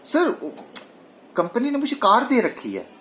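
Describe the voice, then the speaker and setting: A man's voice: very high voice, huge pitch swings, takes it slowly, sharp tone, slight background noise, voice pushed up, full character voice. A lecturer acting out a young salaried worker who answers his teacher politely, hesitates a little and opens each reply with "sir". The voice stays close to the teacher's own everyday voice.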